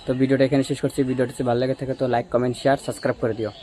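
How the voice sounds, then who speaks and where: A man's voice: mid-range voice, little pitch movement, racing, mellow. A man talking casually to viewers as he checks on his pigeons and feeds them. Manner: chatty, talks to viewers while tending birds. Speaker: pigeon keeper vlogger. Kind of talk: casual vlog commentary. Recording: loft with clear bird noise. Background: pigeons cooing.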